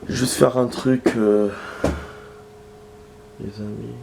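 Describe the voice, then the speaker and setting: Speaking very slowly over a faint hiss or hum, this male streamer has a cold and keeps clearing his throat. He casually reads game text out loud and chats between moves in a low, flat, gravelly voice, muttering asides.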